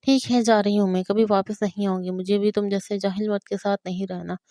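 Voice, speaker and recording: A woman's voice: medium pitch, steady tone, fairly quick, dark tone, dry recording, clean studio sound, natural voice. A woman voicing a fed-up, defiant young wife in an audio novel, bitter in tone.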